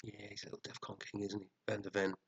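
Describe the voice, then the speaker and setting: Male fantasy football host, deep register, bunged up and sniffly, chatty off-the-cuff commentary with mild swearing. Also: completely flat delivery, fast talker, gravelly, breathy edge. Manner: chatty, muttering to himself, mildly sweary. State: sniffly, congested with a head cold. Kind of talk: casual rambling commentary reviewing team scores.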